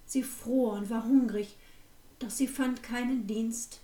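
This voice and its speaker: A woman reads a fairy tale aloud in a calm, even voice. Her voice is fairly high and mellow. It carries an echoey room sound and stays a little distant from the mic. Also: slow pace. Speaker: narrator.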